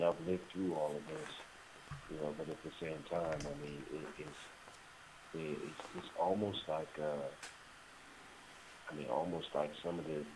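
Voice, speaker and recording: A man in his forties calling from a prison phone, talking in a halting, reflective way with many restarts. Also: a bass voice. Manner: halting, reflective, full of restarts and "you know". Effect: on a prison phone line. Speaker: incarcerated caller. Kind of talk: casual phone conversation. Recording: noisy phone line.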